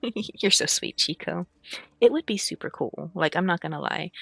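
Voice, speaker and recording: With a mid-range voice, a fairly bright tone, and a normal speed, this streamer and VTuber rambles to chat, full of fillers and throat clearing, then reads aloud from a fantasy book. They have the hiccups throughout, and the recording is dry.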